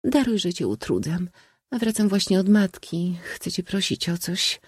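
A shy young princess, as a male reader voices her pleads in a soft, raised, hesitant voice. The storybook reading is dry and close, her lines rising and falling with lively movement. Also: high-pitched, a little slow, slightly rough, no room sound, voice pushed up, full character voice. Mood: pleading. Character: timid, frightened young princess girl.

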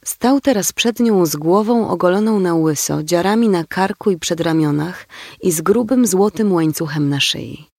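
High-voiced gravelly male narrator. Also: moderate pace, no echo, clean studio sound. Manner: steady storytelling. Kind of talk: audiobook narration.

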